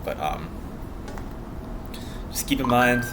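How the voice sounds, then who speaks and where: A man's voice: mid-range voice, animated, slow pace, noisy background. A young American man chatting casually in a vlog, rambling in a meandering, giggly way and often trailing off mid-thought. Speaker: vlogger.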